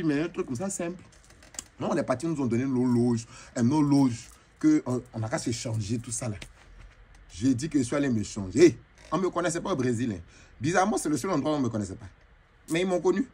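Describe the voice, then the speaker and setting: A man's voice: mid-range voice, a little mellow, slightly rough. A man with an Ivorian French accent playing a flamboyant, boastful female braider chief who tells comic tales and slips into broken English. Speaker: comedian. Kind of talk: comic monologue in character.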